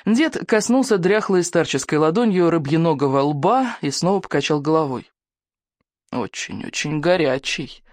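A man reading a children's storybook aloud in a measured, wry way. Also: on the high side, no room sound, clean studio sound. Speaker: audiobook narrator. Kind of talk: scripted storybook narration.

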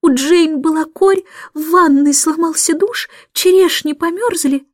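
A woman's voice: very high-pitched, a little slow, dry recording, studio quality, pitched above the performer's own voice. A woman voicing a harried middle-aged mother, plaintive and fussing, in a storybook reading. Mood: flustered.

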